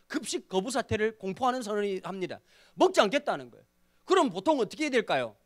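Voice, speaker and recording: A man preaching to a youth congregation, animated and full of rhetorical questions. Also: sits high, fast talker. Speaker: pastor. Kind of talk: youth sermon. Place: church service.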